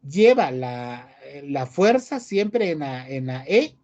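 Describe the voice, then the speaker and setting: A man's voice: fairly high pitch, very animated, slow pace, darkish tone, lo-fi sound. A male teacher giving a class, reading rules aloud and explaining them, often ending phrases with a checking question to the students. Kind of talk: online class lecture.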